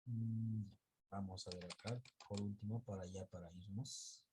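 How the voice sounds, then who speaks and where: A man teaching an online class, lecturing slowly and haltingly, often stopping to correct himself. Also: fairly low pitch, fairly even intonation, noisy background.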